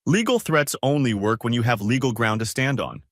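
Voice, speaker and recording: A man's voice: medium pitch, expressive, normal speed, no echo, studio quality. A man reading a first-person story aloud in a casual, conversational way. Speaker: narrator.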